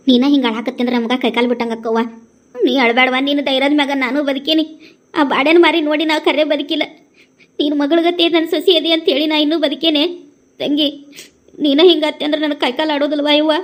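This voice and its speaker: A caring older village mother-in-law in a cartoon, voiced by a woman. She talks quickly and soothingly in a raised voice. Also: sits high, fairly even intonation, lightly acted. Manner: soothing, coaxing.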